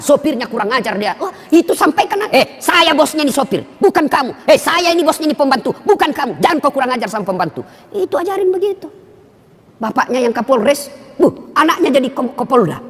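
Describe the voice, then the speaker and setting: A male preacher giving a sermon with animated storytelling, acting out the voices of the people in his stories. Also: very high voice, in a large hall.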